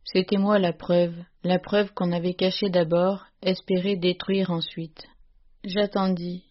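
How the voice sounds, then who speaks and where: A woman reads a story aloud at a steady, measured pace. Her voice sits low and stays flat and even. The recording is dull and muffled. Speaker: reader.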